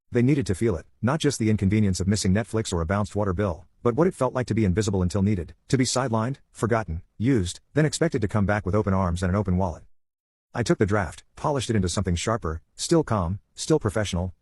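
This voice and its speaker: Fast, husky low-voiced male narrator. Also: a little mellow, no echo, clean studio sound. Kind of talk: first-person scripted story narration.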